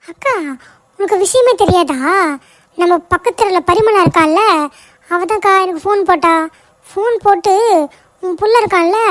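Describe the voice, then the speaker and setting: A woman voicing an anxious neighbour woman in a cartoon, rushing in with alarming news. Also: extremely high pitch, a bit bright, dry recording. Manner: breathless, alarmed. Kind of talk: cartoon voice acting.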